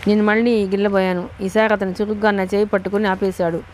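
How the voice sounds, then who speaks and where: Woman, audiobook narrator, steady expressive reading, mid pitch, faint background noise. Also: quick pace. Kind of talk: scripted first-person novel narration.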